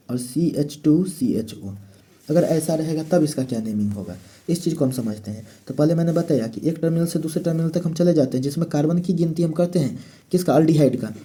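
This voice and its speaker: A man's voice: fairly high pitch, warm tone. A man teaching a chemistry lesson step by step, asking questions and answering them himself. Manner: step-by-step explaining, asks and answers his own questions. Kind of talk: classroom lecture.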